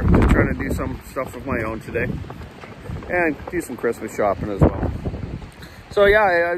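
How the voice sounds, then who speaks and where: Gusting wind roars across the phone mic as this fiftysomething Canadian man, who owns a chainsaw shop, vlogs casually while walking a seaside park outdoors. He holds the phone camera at arm's length and rambles in a folksy, filler-heavy way in a mid-range voice.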